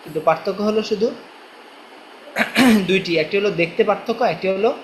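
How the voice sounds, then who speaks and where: A man's voice: sits high, normal speed, slight background noise. A male teacher giving a recorded reading lesson, patiently chanting letter drills line by line. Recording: echoey room, faint ambience.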